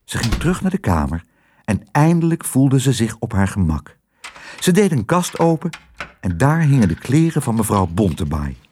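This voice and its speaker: A man's voice: medium pitch, moderate pace, a little hiss or hum. A man narrating a children's audiobook, telling it expressively. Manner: expressive storytelling.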